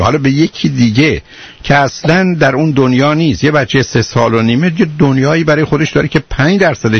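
Middle-aged man, radio advice host, patient and explaining, a husky tone, dull dry broadcast audio. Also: medium pitch, no room sound. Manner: calm, patient, explaining at length. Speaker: parenting advice expert on a call-in show.

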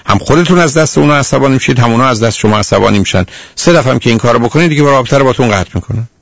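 Stern, gravelly radio counselor man. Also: medium pitch, animated, no room sound. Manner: stern, lecturing, repeats "dear" to the caller. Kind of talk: radio call-in advice.

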